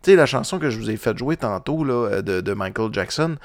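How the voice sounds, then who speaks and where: A man's voice: on the low side, lively intonation, brisk, no echo. Québécois man rambling about records. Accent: Québécois French. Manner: rambling, frequent fillers and restarts. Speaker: podcast host. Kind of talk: casual chat about vinyl records.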